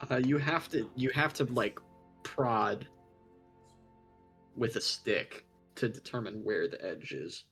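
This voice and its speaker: A man narrating as game master, setting scenes calmly and answering rules questions. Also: lowish voice, takes it slowly, vocal fry, pauses often, breathy edge, soft background music. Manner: calm, descriptive scene-setting.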